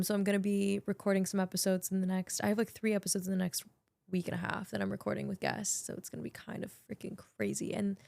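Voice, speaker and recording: Gravelly-voiced young woman podcast host. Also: mid-range voice, darkish tone, dry recording. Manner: chatty, emotional, many filler likes. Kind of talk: casual reflective monologue. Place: small podcast studio.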